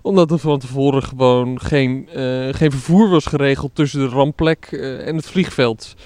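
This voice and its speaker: A man's voice: mid-range voice, moderate pace, a little mellow, no room sound. A man giving a spoof correspondent's report in a hesitant way, with many fillers. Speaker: foreign correspondent. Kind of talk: satirical field report.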